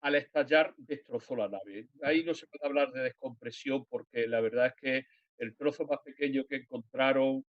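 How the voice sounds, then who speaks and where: A man's voice: mid-range voice, moderate pace, dry recording. A man on a live science panel, explaining technical details step by step. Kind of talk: live stream panel talk. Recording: dull, dry sound.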